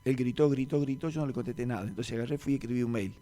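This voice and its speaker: Male Rioplatense pastor, sermon, middling pitch, storytelling with quiet dips and loud peaks, long hall reverb. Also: racing. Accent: Rioplatense Spanish. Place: church meeting hall.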